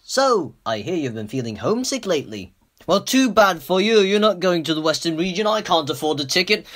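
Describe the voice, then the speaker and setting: A woman playing a stingy, bossy railway boss with a curt, scolding, deadpan delivery in a hobby train cartoon. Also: fairly low pitch, a little fast. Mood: scornful. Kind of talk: hobby animated train-story dialogue.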